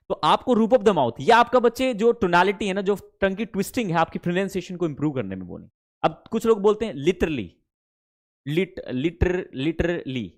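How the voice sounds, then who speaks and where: Male teacher, higher-pitched, chatty, drills pronunciation, drawn-out lines. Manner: addresses students fondly as kids, mixes Hindi and English; slows down and stretches English phrases. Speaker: English teacher. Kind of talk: online spoken-English class.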